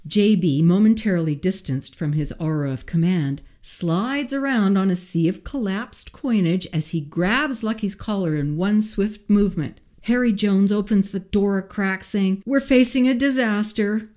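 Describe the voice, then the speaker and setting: A woman narrating a novel excerpt in a measured, expressive reading. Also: medium pitch. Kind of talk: audiobook reading.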